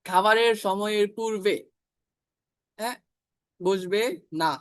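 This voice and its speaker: A man with a high-pitched voice teaches an online English exam class. He explains grammar rules step by step, says English example sentences slowly, and often checks that the class is following. The sound is dry and close. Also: steady tone, a bit bright, clear, resonant tone, no echo. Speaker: IELTS teacher.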